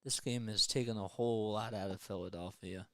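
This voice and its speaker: With no echo on the track, a young man whose voice sits fairly low gives brisk, excitable play-by-play of a live basketball game from a fan's perspective. He erupts into yells at the big plays, then sinks to a hushed mutter.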